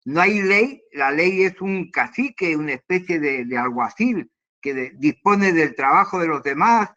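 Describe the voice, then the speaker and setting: Male host, slightly high voice, dull lo-fi call sound. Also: animated, measured pace, sharp tone. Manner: long, elaborate questions. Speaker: interview host. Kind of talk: interview questions.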